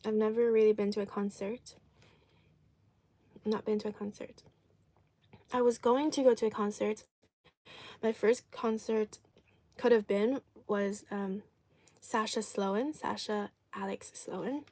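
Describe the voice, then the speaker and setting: A woman's voice: mid-range voice, fairly even intonation, unhurried, long pauses, warm tone, dry recording. Woman chatting casually as she chews. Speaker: live streamer, host of an eating show. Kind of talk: casual live chat while eating, reading viewer comments.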